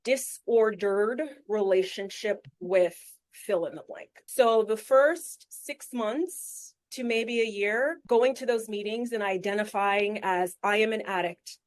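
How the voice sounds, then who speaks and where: A woman's voice: mid-range voice, takes it slowly. Frank woman life coach from the Caribbean. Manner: frank, energetic, swears casually. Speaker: life coach, podcast guest. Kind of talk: candid interview conversation.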